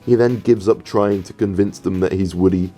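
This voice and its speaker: A British man with a very low, mellow voice gives a casual comic recap. He is dry and colloquial as narrator. Faint music sits underneath. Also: steady tone, normal speed.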